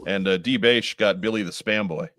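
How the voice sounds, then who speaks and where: A man hosting a podcast, talking in a relaxed, laid-back way. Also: on the low side, moderate pace, dry recording, studio quality. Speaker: podcast host. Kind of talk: casual podcast chat.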